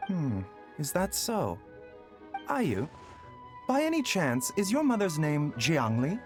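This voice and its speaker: A gentle young doctor from an anime game, light-voiced and formal. The speech is measured and courteous, moving expressively across a wide range. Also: male voice, fairly high pitch, huge pitch swings, soft background music, full character voice. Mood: calmly curious.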